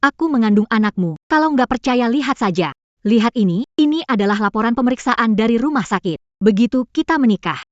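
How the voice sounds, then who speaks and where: Casting: female actor for obsessive jilted ex, high voice, overwrought and defiant, melodrama dub, dry dull recording. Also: expressive, brisk, no room sound, close to an everyday voice. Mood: desperate insistence. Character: desperate, obsessive jilted young woman crashing a wedding. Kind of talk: dubbed melodrama acting.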